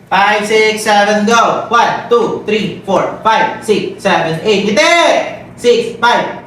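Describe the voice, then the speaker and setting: A woman's voice: medium pitch, slow pace, a bit bright, a little hiss or hum. Echoey woman counting dance beats. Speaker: dance leader. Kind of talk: casual group banter. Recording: echoey room, mic far off.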